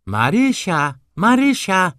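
A fretful baroness fusses in a thin, raised voice that leaps up and down, performed by a man reading the story. She sounds perpetually rattled and hurried. The recording is close and dry. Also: mid-range voice, big pitch swings, no echo, pitched above the performer's own voice. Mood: calling out. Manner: agitated, hurried exclamations. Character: flustered aristocratic lady, baroness, easily upset.

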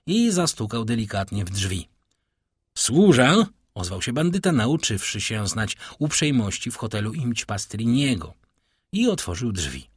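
A man narrating a classic novel in an expressive storytelling reading. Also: medium pitch, breathy edge, dry recording, studio quality. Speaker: audiobook narrator.

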